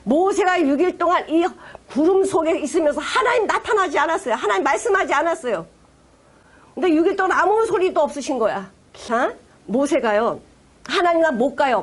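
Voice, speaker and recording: A woman pastor from South Korea, with a high-pitched voice, preaches a sermon. She retells scripture as lively, dramatized storytelling, acting out the voices of the people she quotes.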